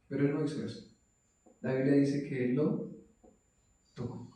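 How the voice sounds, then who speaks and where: A man preaching a sermon who often turns questions to his listeners and moves between loud cries and soft asides. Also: on the high side. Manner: animated, rising to loud exclamations and dropping to soft asides. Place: church hall. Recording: echoey hall, mic at a distance.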